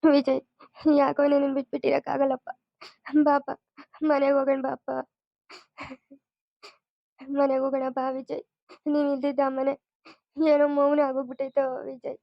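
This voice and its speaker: A tearful middle-aged mother, voiced by a woman, laments in a flat, sorrowful voice. The cartoon's sound is dull and lo-fi, with no room echo. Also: fairly high pitch, fast talker, long pauses, close to an everyday voice.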